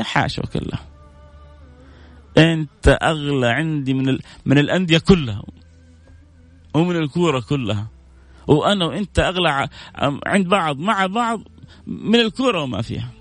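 A man hosting a religious radio talk show, telling stories with lively jumps in pitch and reading out listener messages. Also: no room sound. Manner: lively storytelling with sudden high pitch jumps. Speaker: radio host and preacher.

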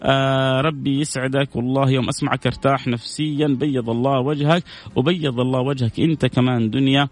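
A man's voice: medium pitch, fairly even intonation, a little fast. A man hosting a live stream, reading viewer messages and answering with blessings, prayers and light jokes. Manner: warm, preachy, heaps blessings, jokes with viewers. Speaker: host reading viewer comments.

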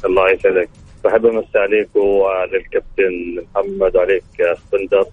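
A man's voice: deep voice, flat delivery, fast, soft background music. A man calling in to a radio show over the phone, talking hesitantly and filling gaps with stock pious phrases. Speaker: caller to a sports radio show. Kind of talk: casual phone-in chat. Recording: tinny phone line.

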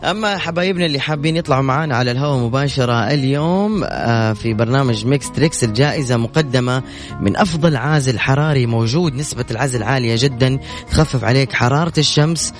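A man hosting a call-in radio show, talking fast and teasing his callers. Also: mid-range voice, music in the background. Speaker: radio host. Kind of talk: lively call-in radio chat.

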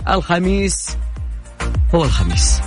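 A man's voice: high-pitched, very animated, a little slow, over loud music. A young man with a Saudi accent hosting a casual late-night radio call-in show, chatty and joking as he reads listener messages aloud. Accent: Saudi Gulf Arabic. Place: radio studio. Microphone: studio microphone.

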